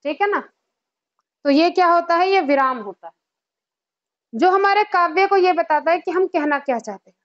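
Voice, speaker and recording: A woman with a very high, light voice teaches a Hindi exam-prep class. She works through each point by asking herself questions and checking in with her students again and again. The recording sounds slightly dull and lo-fi. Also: expressive, normal speed, pauses often, a bit bright. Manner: explains with rhetorical questions and repeated check-ins; chants verse examples in a sing-song rhythm. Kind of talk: online exam-prep lecture.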